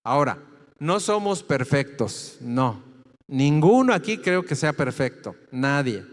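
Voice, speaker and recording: A man preaching a sermon, slow and emphatic, putting questions to the congregation. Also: mid-range voice, sing-song, in a large hall. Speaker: pastor. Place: church hall.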